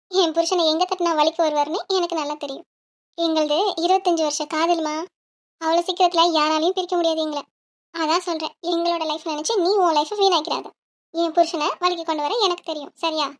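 A woman's voice: extremely high pitch, steady tone, quick pace. A woman voicing a bold, scheming cartoon mother who scolds and commands, sure of herself and protective of her family. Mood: reassuring. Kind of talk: cartoon voice acting.

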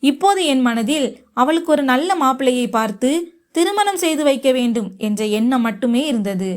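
A woman narrating a first-person family story in a steady read-aloud manner. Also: sits high, moderate pace.

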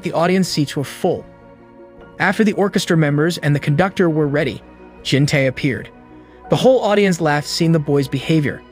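A man narrating a movie recap in a steady, scripted storytelling voice. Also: fairly high pitch. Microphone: voice-over. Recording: narration over soft background music.

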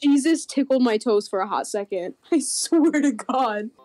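A woman chatting casually during a game with friends, loud with frequent laughs. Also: a little high, animated, moderate pace, faint music behind. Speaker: game player. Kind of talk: casual gaming chat.

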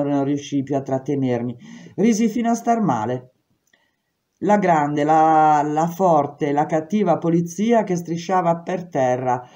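A woman reading a memoir aloud in steady, measured first-person narration. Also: sits low, dull audio. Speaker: reader.

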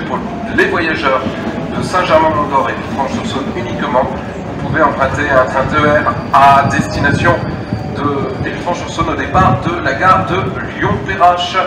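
A man making formal, halting live train announcements over a PA system in a railway station. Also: fairly high pitch. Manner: formal, halting, repeats information. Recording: echoey distant station PA, vehicle noise.

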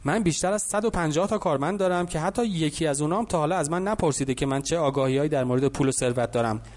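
A man voicing a wealthy, confident older mentor who lectures calmly in an audiobook. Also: a little high, close to an everyday voice. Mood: lecturing.

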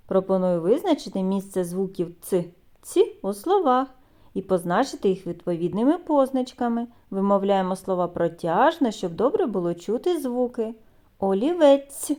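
A woman teaching small children a recorded kindergarten lesson, drawing words out slowly and clearly. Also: mid-range voice, dark tone. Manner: slow, drawn-out pronunciation of words for children.

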